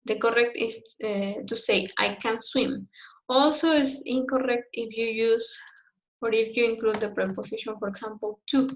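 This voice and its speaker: A woman's voice: fairly high pitch, steady tone, poor audio. Woman teaching a grammar lesson. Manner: slow explanatory delivery with frequent "okay?" checks. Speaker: English teacher.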